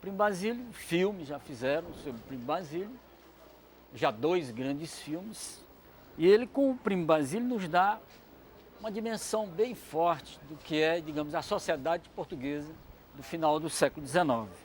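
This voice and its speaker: Male literature commentator, slightly raised pitch, rambling, hedging asides, light hiss behind. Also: expressive, moderate pace. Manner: discursive, many asides and fillers. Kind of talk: educational talk.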